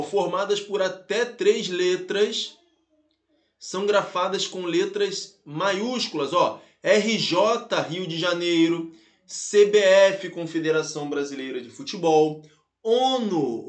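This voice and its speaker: In an echoing, roomy recording, a Brazilian man with a high voice and Brazilian Portuguese accent teaches grammar online with plenty of energy. He keeps addressing his audience as "pessoal" and "galera," and he spells letters out slowly, one at a time.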